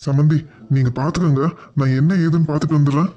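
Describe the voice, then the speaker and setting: A man's voice: a little high, fairly even intonation, fast talker, mellow, dull audio, close to an everyday voice. A man voicing a worried middle-aged uncle in a cartoon, asking anxious questions, with a Kanyakumari Tamil accent. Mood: alarmed.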